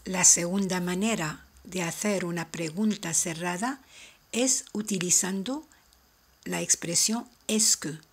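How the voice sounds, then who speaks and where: A woman teaching a language lesson, explaining slowly and deliberately and repeating each point in two languages. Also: medium pitch, breathy edge. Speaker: French teacher.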